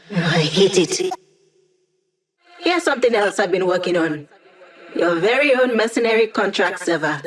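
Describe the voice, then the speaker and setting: A woman's voice: medium pitch, lightly acted. A woman playing a quirky, upbeat young female AI hacker in a video game, with a playful, wry, conversational delivery. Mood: uneasy, grumbling. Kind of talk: scripted video game character dialogue.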